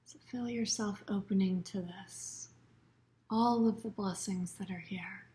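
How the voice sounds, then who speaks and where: In a mid-range, steady voice, a woman guides a yoga nidra meditation in a soothing, unhurried way. Her phrases often trail off into soft breath.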